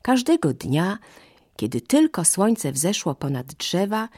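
A woman reading a fairy tale aloud in a slow, expressive storytelling manner. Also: lowish voice, husky, dry recording, clean studio sound.

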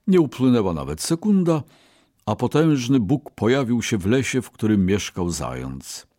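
A man narrating a children's fable in an expressive, unhurried storybook style. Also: fairly low pitch.

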